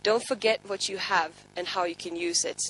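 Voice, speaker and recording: A woman's voice: fairly low pitch, fairly even intonation, moderate pace, fairly bright tone, slight background noise, low-quality recording. Earnest Finnish-accented woman. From Finland. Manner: earnest, advising. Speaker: youth party international officer. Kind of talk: panel statement.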